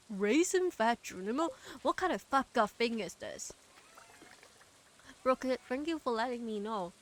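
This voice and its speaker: A woman's voice: medium pitch, fairly bright tone. A woman chatting casually on a game livestream as the streamer, rambling with lots of fillers, trailing off and restarting as she talks to chat.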